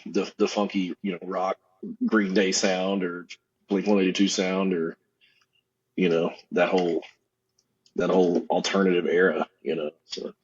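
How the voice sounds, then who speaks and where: A man guesting on a podcast as a festival co-owner, talking in a relaxed, easygoing way with lots of "you know". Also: low-pitched, a little slow, slightly rough, lo-fi sound. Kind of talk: casual interview chat.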